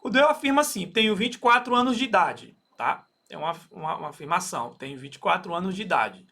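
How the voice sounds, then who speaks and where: A man's voice: high-pitched, lively intonation, fast talker, bright, forceful tone. A Brazilian man teaching a recorded math lesson, explaining step by step with many fillers and frequent "okay?" checks. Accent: Brazilian Portuguese.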